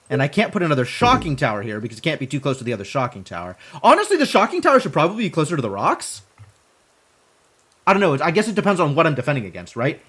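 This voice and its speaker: A man's voice: on the high side, a bit bright. A man giving casual gameplay commentary, thinking aloud as he plays. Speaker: gamer playing and commentating. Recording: clear background noise.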